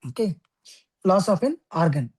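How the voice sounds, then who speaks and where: A woman teaching an astrology class, explaining step by step with frequent okays and pauses. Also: on the low side, sing-song, a little mellow, breathy edge, low-quality recording. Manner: explains slowly with many okays and fillers. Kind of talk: lecture.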